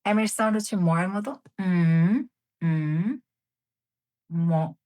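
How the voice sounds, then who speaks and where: A woman teaching English phonics sounds in a lesson. She explains each sound, then repeats it and its example words slowly, one at a time. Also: fairly low pitch, a little mellow.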